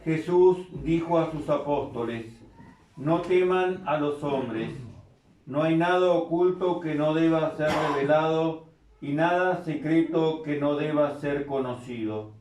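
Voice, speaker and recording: A man's voice: fairly high pitch, takes it slowly, darkish tone, slight background noise. A man serving as priest, reading scripture and preaching in a careful, explanatory way, his voice carried by a cathedral echo. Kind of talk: liturgical reading and homily. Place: large church. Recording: echoey church from a distance.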